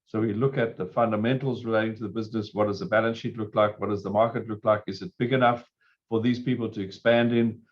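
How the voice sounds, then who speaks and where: A hoarse man, a fund manager, answering interview questions in a measured, explanatory way. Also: lowish voice, steady tone, highs cut off.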